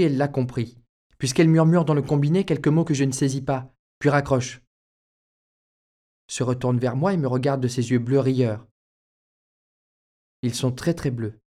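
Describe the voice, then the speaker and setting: This is a shy, embarrassed boy piano student in an audiobook, read by a man. He speaks in a flustered, halting way. His voice has a dark, mellow tone at a middle pitch. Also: steady tone, close to an everyday voice. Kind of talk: audiobook character narration.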